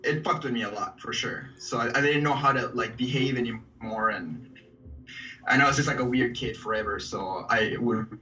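A man from Peru talks in a loose, casual way, dropping swear words and easy laughs. His voice sounds bright and a little tense. He comes through a video call, and he sounds set back from the microphone. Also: mid-range voice, moderate pace, recorded from a distance, a little hiss or hum, poor audio. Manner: loose, profane, laughing storyteller. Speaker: guest artist. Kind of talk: casual chat.

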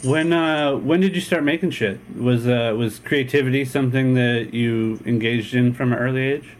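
A man's voice: mid-range voice, moderate pace, a little hiss or hum. A man from San Diego hosting a casual interview, laid-back and rambling, swearing casually. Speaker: podcast host.

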